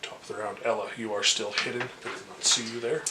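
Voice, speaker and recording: A man running a tabletop game as game master, relaxed and encouraging, quick to laugh. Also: fairly low pitch. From Canada. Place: convention room. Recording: echoey room with noise.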